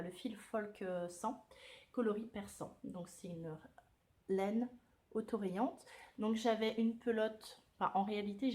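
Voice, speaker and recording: A woman talks casually to her viewers about her knitting projects. She pauses often and corrects herself as she goes, in a relaxed and chatty manner. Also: medium pitch. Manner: chatty, with many hesitations and self-corrections. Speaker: knitting podcaster. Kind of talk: casual knitting video podcast.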